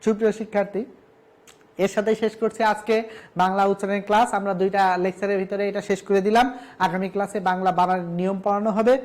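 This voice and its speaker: A man's voice: high voice, level tone, a little fast, a little mellow. A man from Bangladesh, a college lecturer giving a recorded lesson, emphatic as he drills word lists and repeats his instructions.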